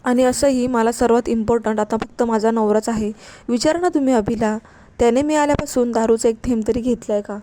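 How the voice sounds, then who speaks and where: Showy young daughter in law, eager and insistent, a woman voices her, highish voice. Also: steady tone, fairly quick, warm tone, close to an everyday voice.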